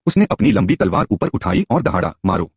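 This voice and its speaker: Husky male storyteller with lively pitch. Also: a little fast, dry recording. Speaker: narrator. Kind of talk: scripted story narration.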